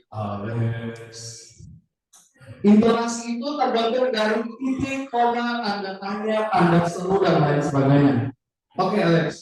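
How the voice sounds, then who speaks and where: A man teaching a class, lively and joking as he calls on students by name. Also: sits high. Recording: echoey classroom from far off.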